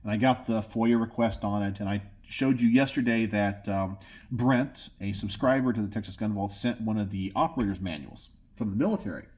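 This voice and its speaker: A man's voice: fairly low pitch, a little fast, a little mellow. An American man hosting a video channel, giving opinionated commentary to his viewers in an emphatic way, often repeating phrases for effect. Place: garage.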